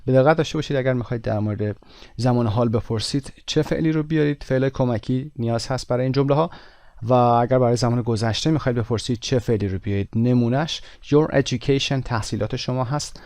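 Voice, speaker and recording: A man with a Persian accent teaching an English textbook lesson, reading English examples slowly and clearly between explanations. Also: medium pitch, a little mellow, no room sound, clean studio sound.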